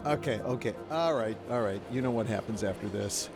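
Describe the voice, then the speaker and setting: A man with a fairly low voice hosts and narrates a documentary at a brisk pace, wry, conversational and lively, now and then asking interview questions. Music plays beneath his narration.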